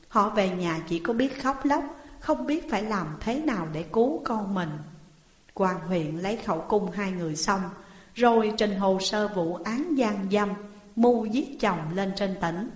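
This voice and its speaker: A woman narrating a classical story in a steady, dramatic reading voice. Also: medium pitch. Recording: roomy, long reverb.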